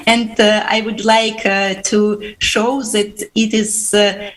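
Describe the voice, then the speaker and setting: A woman's voice: mid-range voice, little pitch movement, fairly bright tone, rough recording. Hesitant woman with a Russian accent. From Uzbekistan. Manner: halting non-native English, many filler pauses. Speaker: ham radio operator guest. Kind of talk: live show interview.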